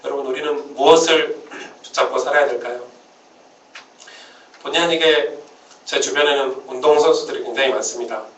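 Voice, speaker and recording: A pastor giving a casual sermon at a Friday church service, talking conversationally with many "uh" fillers and restarts. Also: male voice, medium pitch, steady tone, normal speed, pauses often, a bit bright. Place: church sanctuary. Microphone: phone recording from the room. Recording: roomy, distant, dull phone recording.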